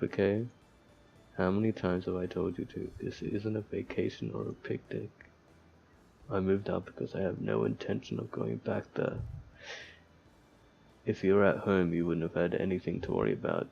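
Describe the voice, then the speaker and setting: The man's low voice has vocal fry, a dark tone and a breathy edge as he hosts a casual gaming video. He stumbles while reading game text aloud and makes mock-despairing asides, all recorded with a slightly dull lo-fi quality.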